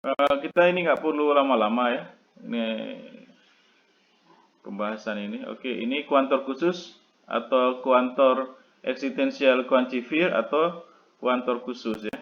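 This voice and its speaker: A man giving a casual math lecture, checking in often with listeners and filling pauses with "eh" and "oke ya". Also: medium pitch, lo-fi sound. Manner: checks in constantly with listeners, many fillers.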